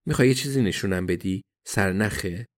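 A man voicing a composed, sharp-witted woman in an audiobook, in a calm, measured way. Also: fairly low pitch, natural voice.

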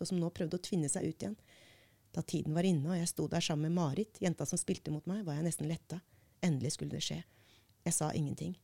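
Lowish mellow woman reading a book aloud then chatting about it, thoughtful. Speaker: book podcast host.

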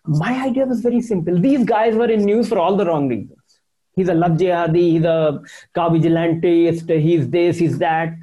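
A man's voice: fairly high pitch, moderate pace, warm tone, highs cut off. A man with a North Indian accent giving conversational interview answers, emphatic, repeating phrases and slipping Hindi into English. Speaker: interviewed journalist and author.

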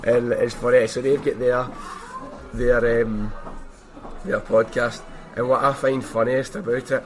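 A man's voice: mid-range voice, level tone, measured pace, poor audio. A man with a strong Glaswegian Scottish accent hosting a podcast, telling stories in a casual, colloquial way with opinions of his own. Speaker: podcast host. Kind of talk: casual anecdotal chat.

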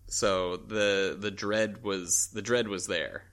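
A man's voice: low-pitched, steady tone, slow pace, a bit bright. A man co-hosting a podcast, chatting casually and thinking aloud with frequent restarts. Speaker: podcast co-host. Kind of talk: casual chat.

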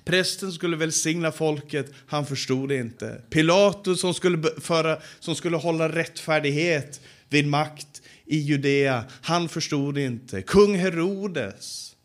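Emphatic preaching man, loud then hushed. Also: fairly high pitch. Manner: emphatic preaching that swings between loud stress and slow, hushed passages; repeats key phrases for effect. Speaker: Bible teacher. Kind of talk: sermon. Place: Bible conference gathering.

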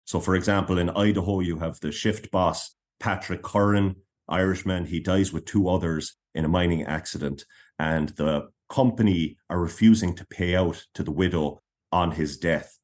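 Deep-voiced man telling history. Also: steady tone, a little mellow. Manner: measured storytelling, listing points in short phrases. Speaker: historian guest. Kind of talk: explanatory interview talk.

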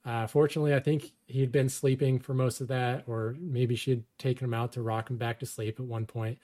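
A man's voice: medium pitch, level tone, brisk, mellow. Wry man telling a story. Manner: wry, self-deprecating, laughs often. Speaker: storyteller guest. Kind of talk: casual storytelling.

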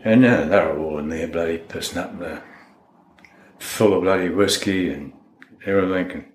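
A man with a broad New Zealand accent talks informally and bluntly, recalling things as they come. His voice is low, and the room adds noticeable echo around it. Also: moderate pace. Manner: plain-spoken, no-nonsense, mildly sweary. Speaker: interviewee, friend of the person discussed. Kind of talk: informal recollection in a sit-down interview. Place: indoors in a house. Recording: roomy, echoey home interview.

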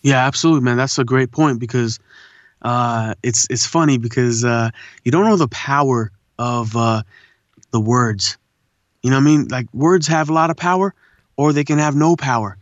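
A man's voice: mid-range voice, moderate pace, no echo, lo-fi sound. A man who was born in India and raised in Southern California, a voice actor and poet, talking reflectively in a casual interview. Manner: relaxed, reflective, says "man" often.

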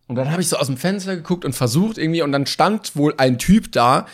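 Speaking briskly in a slightly high voice, a man co-hosting a podcast spins a funny story in a relaxed, conversational way. He animatedly performs the characters' lines, changing his voice for each.

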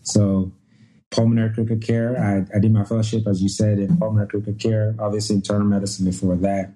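A Nigerian man in his thirties, appearing as a guest pulmonologist, tells his story in a relaxed manner, often restarting and repeating phrases. His voice is lowish and quick, and the recording quality is poor.

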